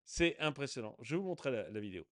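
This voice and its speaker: A man's voice: mid-range voice, big pitch swings, quick pace, no echo. Sarcastic man commentating, dry sound. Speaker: online commentator. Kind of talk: casual video commentary.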